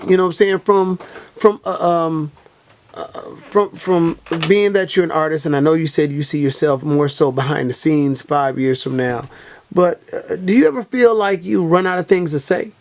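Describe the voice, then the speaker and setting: A man in his thirties from Milwaukee, an interviewer who asks questions haltingly with many fillers. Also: a little high. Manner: halting, many fillers like "you know what I'm saying". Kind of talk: casual interview chat.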